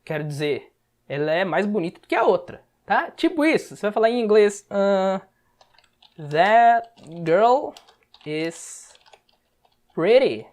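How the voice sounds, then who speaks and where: A woman's voice: medium pitch, lively intonation, darkish tone. Give me a woman with a Brazilian Portuguese accent who sounds like a teacher. She gives a step-by-step lesson in a mid-range voice and walks the listener through each word. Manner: explains word by word, often checks with a quick "tá?". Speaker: English teacher.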